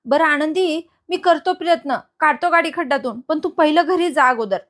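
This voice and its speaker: A woman's voice: sits high, moderate pace, close to an everyday voice. A woman voicing a worried male driver who pleads with his boss. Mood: pleading.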